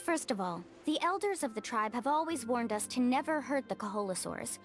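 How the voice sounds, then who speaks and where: Mualani, animated high-voiced young guide voiced by a woman. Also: fairly quick, faint music behind, natural voice. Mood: indignant. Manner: confident, explanatory, animated. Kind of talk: video game voice acting.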